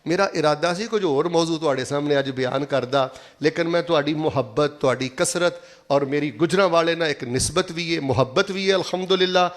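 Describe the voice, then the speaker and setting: A man's voice: a little high, a little fast. A man with a Pakistani Punjabi accent preaching a sermon, emphatic and repetitive, prompting the congregation to answer aloud.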